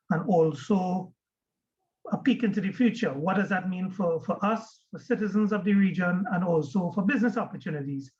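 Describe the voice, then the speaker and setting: A high-voiced Trinidadian man from Trinidad and Tobago presents as a guest speaker in a webinar, often repeating words as he begins a phrase. He comes through a video call, and the audio sounds dull and lo-fi.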